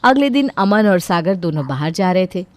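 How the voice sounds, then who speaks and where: Woman storyteller, lively up-and-down pitch, clear narration, dry close sound. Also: normal speed, dry recording.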